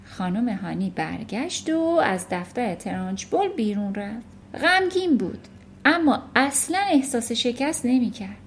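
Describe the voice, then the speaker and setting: A woman narrating a children's novel as an audiobook, in an even storytelling manner. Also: a little high, slight background noise.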